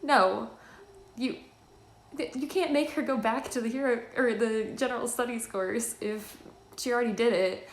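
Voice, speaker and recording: A woman's voice: a little high, moderate pace, slight background noise, lightly acted. A woman playing a mischievous teenage girl hero student, rambling and teasing with lots of laughter in live cosplay role-play over a call. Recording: echoey live video call.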